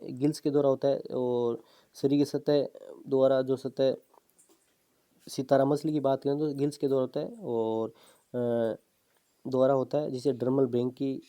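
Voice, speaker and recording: A man's voice: medium pitch, steady tone, moderate pace, long pauses, mellow. A man teaching an exam-prep biology lesson, explaining step by step, repeating terms and asking himself questions. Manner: drops in fillers, "ठीक है" and "है ना".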